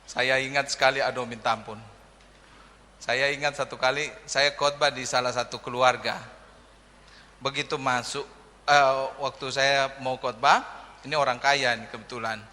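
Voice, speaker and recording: A pastor delivering a sermon, telling humorous stories and acting out quotes from people. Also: male voice, medium pitch, steady tone, moderate pace, sharp tone. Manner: humorous storytelling with acted quotes. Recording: long hall reverb.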